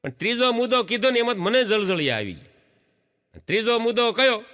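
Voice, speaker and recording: A man's voice: very high-pitched, very animated, fairly quick, fairly bright tone. A man telling jokes on stage, acting out the people in his stories and often laughing. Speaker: stand-up comedian. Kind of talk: Gujarati folk stand-up joke telling.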